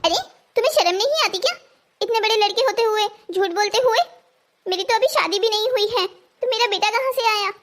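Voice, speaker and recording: Voicing a 21-year-old cartoon character who is confused and stubborn, a woman speaks briskly in an extremely high pitch with a fairly bright tone. Her delivery comes across as bewildered and indignant.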